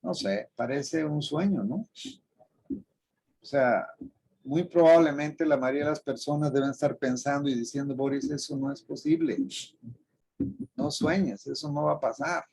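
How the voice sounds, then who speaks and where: A man preaching with earnest conviction and telling everyday stories to drive home moral lessons. His voice is gravelly and husky, at a middle pitch. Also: moderate pace, long pauses, darkish tone. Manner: earnest, storytelling, emphatic on moral points. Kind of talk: preaching talk with personal stories.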